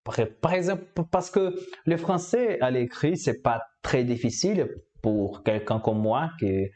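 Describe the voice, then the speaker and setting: In a relaxed explanation, a Brazilian man recounts learning French, his Brazilian Portuguese accent evident throughout. He goes slowly, often stopping on fillers and repeating words as he gropes for them. His mid-range voice is dark and mellow, with lively intonation.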